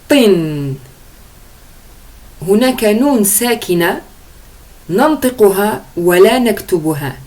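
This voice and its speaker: A woman teaching Arabic letters slowly, sounding out each vowel and explaining in French. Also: mid-range voice, a little mellow. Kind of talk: slow letter-by-letter pronunciation lesson.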